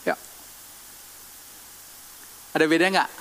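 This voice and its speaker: A man preaching a sermon in a lively, conversational way, teasing the congregation with questions. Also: takes it slowly. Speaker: pastor. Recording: long hall reverb.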